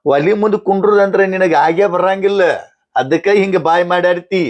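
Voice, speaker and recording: A man with a North Karnataka Kannada accent playing a stern elder brother and husband who rebukes his wife and gives gruff orders. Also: sits high, steady tone, moderate pace, close to an everyday voice. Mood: commanding.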